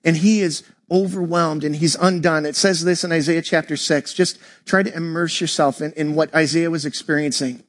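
A man's voice: fairly high pitch, steady tone, normal speed, hardly any pauses. A man, a pastor, preaching a heartfelt Christmas sermon and speaking straight to his congregation. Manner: earnest, heartfelt, directly addressing the congregation.

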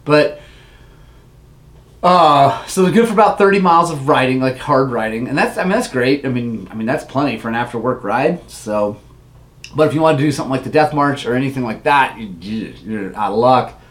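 A man's voice: medium pitch, animated, brisk. A man hosting a casual livestream who rambles through a story, laughs often and reads viewer comments aloud. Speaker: livestream host.

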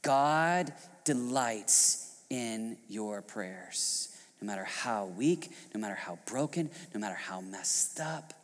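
A male pastor preaching a sermon, swinging from hushed passages to loud, shouting outbursts. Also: fairly low pitch, animated, slow, big-room sound. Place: church hall.

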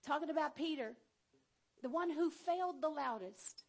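A woman delivers an energetic sermon in a high, bright-toned voice. She speaks in a folksy way, calling out to her listeners and acting out the figures in her stories. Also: moderate pace. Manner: energetic, calls out to the congregation; folksy, acts out the Bible figures. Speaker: preacher.

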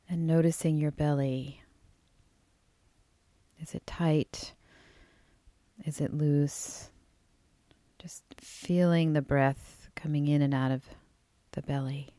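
Female meditation guide, low voice, very unhurried, soft and soothing with near-whispered endings, close dry sound. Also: fairly even intonation, no echo. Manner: unhurried, with drawn-out phrases and pauses. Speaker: yoga and relaxation teacher.

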